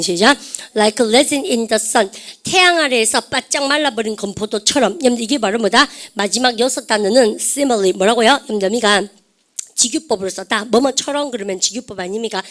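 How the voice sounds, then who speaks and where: A woman's voice: on the high side, fairly quick, fairly bright tone. Quizzing female English teacher. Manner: calls out questions and has students repeat words; switches between Korean and English. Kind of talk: classroom lecture.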